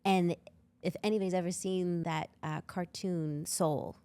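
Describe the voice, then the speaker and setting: A middle-aged woman from Canada, a musician guest in an interview, telling animated stories and acting out the people in them. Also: fairly low pitch, measured pace, clear, resonant tone. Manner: animated storyteller, acts out quoted people. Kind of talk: reflective interview conversation.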